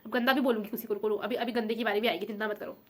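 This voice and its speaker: A woman's voice: mid-range voice, steady tone, very fast. A young woman vlogging in casual chat, emotional and affectionate, rambling as she talks. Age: young adult.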